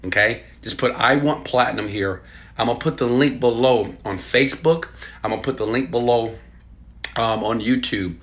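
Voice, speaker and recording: At a moderate pace and with a slightly bright tone, a male online marketer talks directly to viewers, pressing an emphatic, insistent motivational sales pitch.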